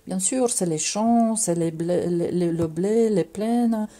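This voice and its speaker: A middle-aged woman from Ukraine with a Ukrainian accent, giving an earnest personal religious testimony in a halting way, full of fillers and restarts. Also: mid-range voice, mellow.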